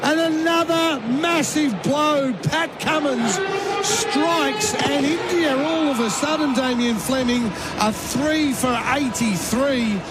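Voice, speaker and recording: High-pitched excited male cricket commentator. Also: slow. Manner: dramatic, excited calls. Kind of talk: live cricket radio commentary, rising to shouted calls at wickets. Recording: loud stadium crowd and noise behind the voice.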